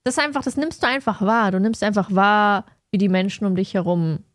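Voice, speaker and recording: A young woman, co-hosting a podcast, telling stories in a lively way and acting out the people in them. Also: medium pitch, fairly quick, dry recording, clean studio sound. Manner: lively storytelling, acts out quoted people. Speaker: podcast co-host. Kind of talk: casual chat.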